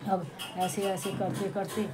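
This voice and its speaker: A woman casually recounting a traditional devotional folk story, chatty and halting, breaking off to restart lines and speak to the listeners around her. Her voice sits at an ordinary pitch. The recording has clear background noise throughout. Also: level tone. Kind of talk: casual folk tale telling.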